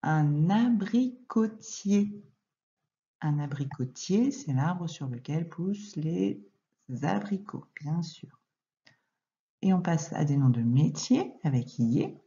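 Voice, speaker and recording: A woman teaching young children to read, speaking slowly and clearly and addressing the child directly as she dictates. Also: low-pitched, lively intonation, mellow, dull audio. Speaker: primary school teacher. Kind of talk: recorded reading lesson and dictation for young children.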